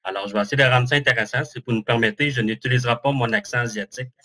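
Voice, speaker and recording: Over a video call, a man with a Québécois French accent presents a webinar as an employment counsellor, his mid-range voice rapid-fire, pushed, and bright. He's chatty and jokes about himself, using many fillers.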